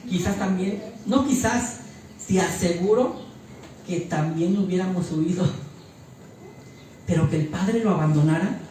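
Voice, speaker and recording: A man's voice: high-pitched, warm tone, a little hiss or hum. A man preaching a fervent sermon as pastor, repeating phrases for emphasis and addressing the congregation. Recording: echoey church hall, mic far off.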